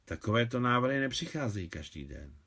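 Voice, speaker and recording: A man reading the lines of a gentle, wealthy woman benefactor in a novel, softly and measuredly. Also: medium pitch, sing-song, breathy edge, heavily acted. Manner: soft, measured.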